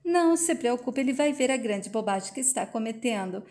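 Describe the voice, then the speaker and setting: A woman voicing a calm older woman who soothes and reassures the bride in a retold soap scene. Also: fairly high pitch, a little fast, natural voice. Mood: soothing.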